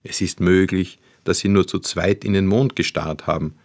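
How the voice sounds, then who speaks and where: A man's voice: deep voice, fairly even intonation, moderate pace, dry recording. A man voicing a grumpy, weary old father who speaks sternly and dryly. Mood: calming. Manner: stern, dry, sighing.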